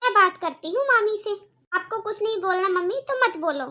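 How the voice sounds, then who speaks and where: A woman voicing a bright, high little girl. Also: expressive, moderate pace, heavily acted. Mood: consoling. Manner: earnest, pleading. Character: young outspoken girl, caring to her mother. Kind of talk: cartoon voice acting.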